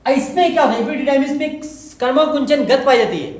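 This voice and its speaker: A woman's voice: sits high, fairly quick, a little mellow, roomy sound. A woman teaching a biology lesson, asking the class questions and repeating each key term. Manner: asks and answers her own questions, repeats key terms. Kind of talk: classroom lecture.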